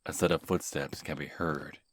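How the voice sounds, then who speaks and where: A man telling a scripted second-person horror story in a calm, measured way. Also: very deep voice, a little hiss or hum. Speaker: narrator and channel host.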